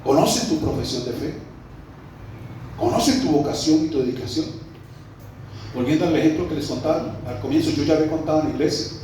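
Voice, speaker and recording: A pastor with a Colombian Spanish accent preaches to his congregation in a church hall, telling a story conversationally. His voice is a little high and dark in tone, fairly quick but with long pauses. The recording has a roomy echo, a distant mic, and faint background noise.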